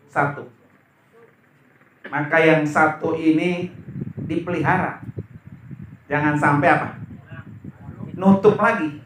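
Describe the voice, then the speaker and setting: A man gives a sermon at a memorial gathering. He speaks very slowly and stresses his words, often putting questions to the crowd. His voice sits a little high and comes from far off in an echoey room. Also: a bit bright, slight background noise. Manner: slow, emphatic, asks the audience questions.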